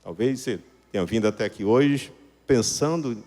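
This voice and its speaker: This preacher's medium-pitched voice is brisk with a darkish tone as he addresses a congregation. The hall is reverberant, and he explains his message didactically, rewording points and asking rhetorical questions.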